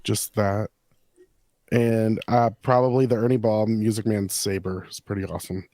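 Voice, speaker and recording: A man's voice: lowish voice, level tone, moderate pace, mellow. A man co-hosting a casual gear podcast, easygoing and a little scattered as he picks favorites. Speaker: podcast co-host.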